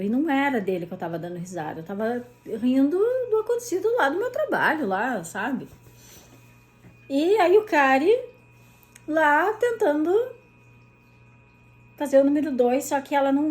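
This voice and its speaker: Brief: woman, vlogging mom, chatty and animated, slightly high voice. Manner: chatty, animated, many tag questions. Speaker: mother telling a personal story. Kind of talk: casual storytelling vlog.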